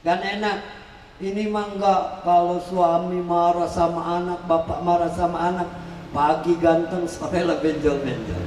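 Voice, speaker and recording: A high-voiced man preaches to a crowd at a wedding celebration, lively and joking, and he bursts into shouts as he acts out what people say. His voice comes from far off the mic and rings through a large echoey hall with a long reverb tail. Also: measured pace, a little hiss or hum.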